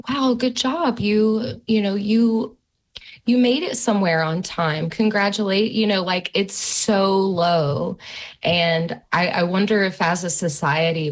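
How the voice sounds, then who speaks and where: A woman in her thirties telling stories in a casual conversation, chatty and animated, full of fillers. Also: medium pitch.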